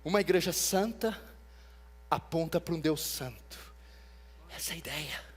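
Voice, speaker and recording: A man preaching a sermon as pastor, teaching with emphasis and repetition and rising to shouts at times. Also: a little high, animated, moderate pace, husky. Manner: emphatic teaching, rises to shouts, repeats for stress.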